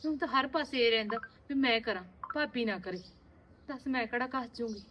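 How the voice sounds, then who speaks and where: An actress playing a caring, anxious young married woman who gently scolds and coaxes her younger sister-in-law. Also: a little high, fairly quick, background noise, natural voice. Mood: worried. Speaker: actor. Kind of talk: village family drama acting. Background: birdsong.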